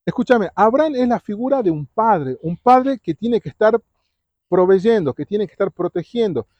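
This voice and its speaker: With a high-sitting, animated voice at normal speed, a youth retreat speaker talks to preteens about the Bible. He quizzes them again and again and attaches "¿sí?" to his lines. No echo is heard in the dull, lo-fi recording.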